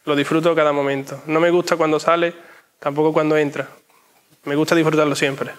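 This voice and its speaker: Slightly high-voiced young man. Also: little pitch movement, brisk, a little hiss or hum. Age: young adult. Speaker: interview guest. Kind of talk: conversational interview answers. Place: inside an ornate church.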